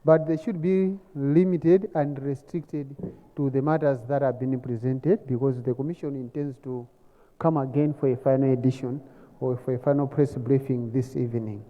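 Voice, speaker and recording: A man's voice: medium pitch, fairly even intonation, moderate pace. A man with a Malawian accent moderating a press briefing in a courteous, formal, procedural manner. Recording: echoey hall, thin phone-like sound.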